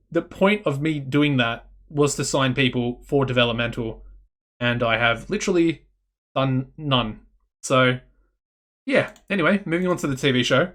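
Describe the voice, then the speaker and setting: An Australian man chatting casually as he plays a management game, thinking aloud and getting excitable. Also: medium pitch. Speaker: gaming channel host.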